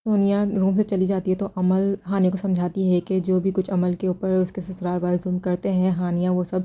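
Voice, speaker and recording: Flat, dark-voiced woman recapping a drama. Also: on the low side. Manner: steady retelling of scenes with critical asides. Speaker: drama reviewer. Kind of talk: drama episode recap and review.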